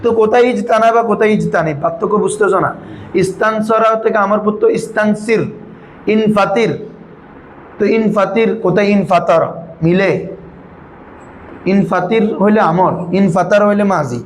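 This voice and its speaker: A male Arabic grammar teacher, drilling his students with quick questions in a patient classroom manner. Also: high voice, roomy sound, slight background noise, rough recording.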